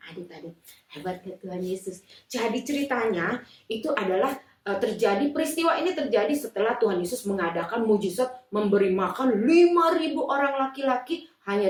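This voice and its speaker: Animated woman telling children a Bible story. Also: medium pitch. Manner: lively and animated, addressing kids. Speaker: children's Sunday school teacher. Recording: echoey church room, mic far off.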